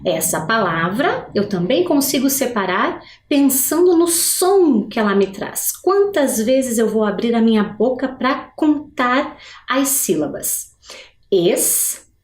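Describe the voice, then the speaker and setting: A woman teacher giving a recorded video lesson for adults, slowly spelling out example words and putting questions to the viewers. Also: on the high side, big pitch swings. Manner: slow, drawn-out pronunciation of example words; asks questions to the viewers, frequent "né?". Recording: echoey room.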